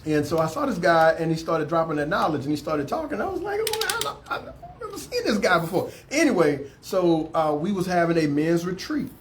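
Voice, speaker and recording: A man's voice: sits high, sing-song, brisk, hardly any pauses. A man with a drawl hosts a casual talk show in a slightly raised voice. He affirms his guest readily and tends to repeat words as he talks. A faint noise sits under the recording. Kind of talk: casual interview chat.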